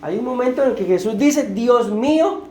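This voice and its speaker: A woman's voice: fairly high pitch, lively intonation, fast, mellow, a little hiss or hum. A woman preaching a sermon, often asking her listeners "right?" and calling them beloved brethren. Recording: roomy church echo.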